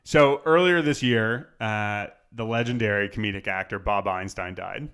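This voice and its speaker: A man's voice: on the low side, normal speed, a bit bright, smooth. A man co-hosting a podcast in casual chat, with many fillers and restarts. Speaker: podcast co-host.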